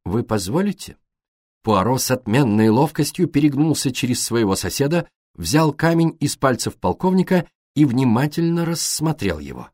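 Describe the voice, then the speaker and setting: A man reading an audiobook aloud in a calm storytelling manner. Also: medium pitch, normal speed, few pauses, no echo, studio quality. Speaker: audiobook narrator. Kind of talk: scripted audiobook narration.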